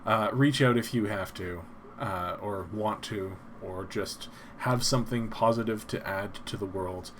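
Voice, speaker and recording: A man with a soft, breathy voice hosts a casual live stream in the manner of an old-timey radio announcer. He is low-spoken and takes his time, rambling along in a self-deprecating way. Faint noise sits behind his voice. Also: measured pace.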